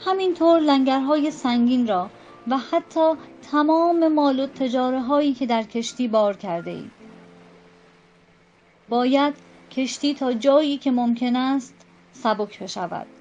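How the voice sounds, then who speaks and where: Lady doing a calm mysterious stranger guy, firm and steady, fairly high voice, dull lo-fi with faint music. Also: natural voice. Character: calm, mysterious male stranger, a world traveller.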